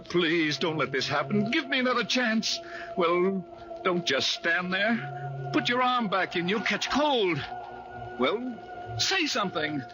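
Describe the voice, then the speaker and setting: An actor playing an excitable, emphatic reformed miser Scrooge in an old-time radio drama. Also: male voice, high-pitched, slow pace, over loud music, heavily acted. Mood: frightened, pleading. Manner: colloquial, emphatic, exclamatory. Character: excitable reformed miser Scrooge, pleading then giddy with joy. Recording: old radio recording with faint hiss.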